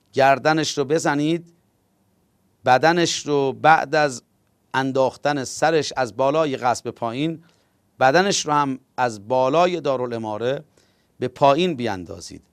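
A man's voice: mid-range voice, smooth, dry recording, clean studio sound, lightly acted. A man voicing a cruel male governor who gives curt, harsh orders in a raised voice.

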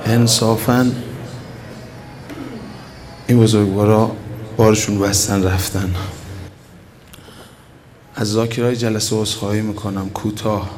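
A man leading a religious mourning gathering, moving between quick spoken asides and slow sung lament lines and urging his listeners to weep. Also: on the low side, level tone, noisy background.

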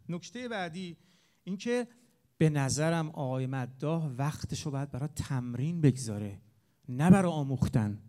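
Animated man lecturing with a mellow voice. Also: a little high. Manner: animated, with sharp rises and drops in loudness. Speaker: speaker on religious eulogy singing. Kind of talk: impassioned lecture to an audience.

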